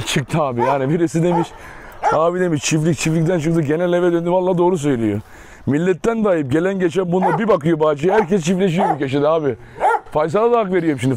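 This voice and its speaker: Guy with a high voice vlogging outside with his dogs, sweet-talking them, lots of noise and barking around. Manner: chatty, coaxes and teases his dogs. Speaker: dog breeder vlogger. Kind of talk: casual vlog talk to viewers. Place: outdoor dog yard with kennels. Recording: outdoor clip with noise and barking.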